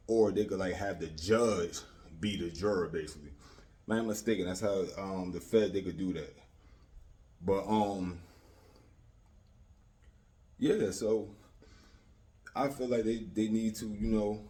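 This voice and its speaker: With a fairly low, warm voice, an American YouTube commentator gives slangy, opinionated commentary in a casual, streetwise manner. He often repeats points for emphasis and checks that the listener follows.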